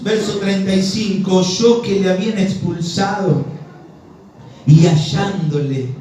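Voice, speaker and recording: A man's voice: high voice, dark tone. A middle-aged man with a Rioplatense Spanish accent preaching a sermon with passion, acting out Bible dialogue in shifting voices. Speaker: pastor. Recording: very echoey hall, distant mic, faint noise.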